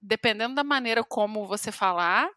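A woman co-hosting a podcast in casual chat, quick to jump in with her own remarks. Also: mid-range voice, pushed and bright, no echo. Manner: quick, chatty, jumps in with remarks.

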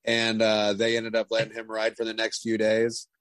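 A man's voice: on the low side, monotone, moderate pace, fairly bright tone, no echo. A man casually telling a rambling road story, swearing freely and acting out what others said. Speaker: touring drum tech guest.

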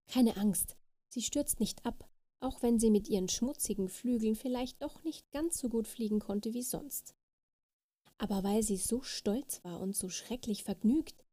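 A woman reading a children's fairy tale aloud with lively, expressive narration. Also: mid-range voice, no room sound. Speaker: storyteller.

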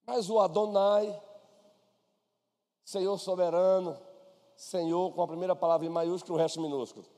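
Brazilian pastor preaching in a reverberant church. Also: male voice, sits high, steady tone, moderate pace, pauses often, dark tone. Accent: Brazilian Portuguese. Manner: conversational preaching, addresses listeners by name. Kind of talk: sermon with personal stories. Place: church hall. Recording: long hall reverb.

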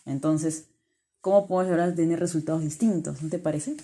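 A woman hosting a self-help podcast, talking straight to the listener in an earnest, encouraging way. She says her voice is naturally loud. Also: low-pitched, steady tone, brisk. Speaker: podcast host.

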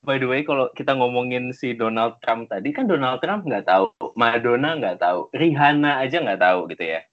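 A man's voice: medium pitch, brisk, lo-fi sound. A man, chatting casually and acting out quotes as he tells a story. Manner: animated storyteller, acts out quotes. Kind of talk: casual chat.

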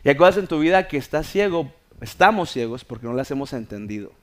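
A man from Mexico, a pastor, preaching a sermon that swings from quiet, close talk to loud, fervent preaching. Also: fairly high pitch, lively intonation, fast talker. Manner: acts out scenes with playful voices.

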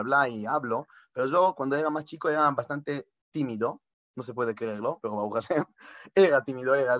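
A man giving an informal spiritual talk as a rabbi, lively and animated, often correcting himself and mixing in Hebrew words. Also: medium pitch, no room sound, muffled recording.

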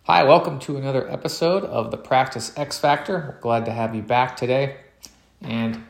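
A man hosting a podcast in a relaxed, rambling way, his voice nasal while he recovers from nasal surgery. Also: medium pitch, vocal fry, reverberant. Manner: relaxed, rambling, many fillers. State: recovering from nasal surgery, talks a little funny. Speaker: podcast host. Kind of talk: casual solo podcast talk.

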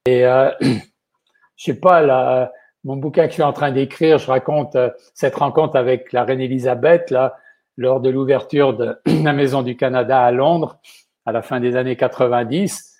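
A man's voice: medium pitch, fairly even intonation, normal speed, a little mellow. An older man with a Quebec French accent, a chef speaking as an interview guest in a rambling way, often adding "ok?". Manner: rambling, tags sentences with "ok?". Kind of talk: casual interview talk.

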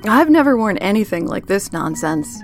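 A woman's voice: medium pitch, big pitch swings, normal speed, soft background music. A woman playing a stern, dutiful starship commander in a comic sci-fi audio drama, formal, haughty and stiffly disdainful.

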